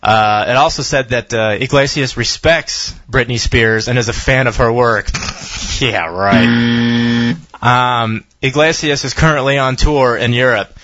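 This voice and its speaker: A man's voice: medium pitch, normal speed, hardly any pauses, pushed and bright, no room sound. A man hosting an online talk radio show, ranting in a sarcastic, opinionated way over dull, dry lo-fi audio.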